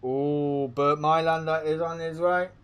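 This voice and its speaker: A man with a croaky, sore-throated voice, chatting casually as host of a racing league stream and talking to himself while he sets things up. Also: a little high, fairly even intonation, a little slow, fairly bright tone. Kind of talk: casual live-stream race commentary.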